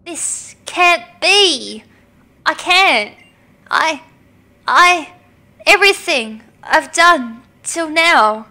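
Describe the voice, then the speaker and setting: A woman's voice: very high-pitched, expressive, very slow, long pauses, sharp tone, voice pushed up, exaggerated voice. A woman reading the lines of a driven young woman who summons a dragon, in an earnest, dramatic way. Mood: distraught.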